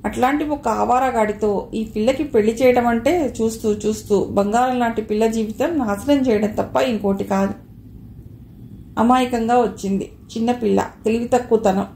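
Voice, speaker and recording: A woman narrating a novel aloud in a steady storytelling manner. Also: on the high side. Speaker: audiobook narrator. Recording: roomy echo, faint noise.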